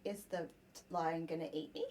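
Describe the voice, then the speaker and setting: A woman with a fairly low voice talks through ideas in a relaxed podcast conversation. She is lively and acts out snippets of her own thinking as little quoted scenes. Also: moderate pace. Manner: animated, acts out quoted inner dialogue. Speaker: podcast host. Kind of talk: casual conversational chat.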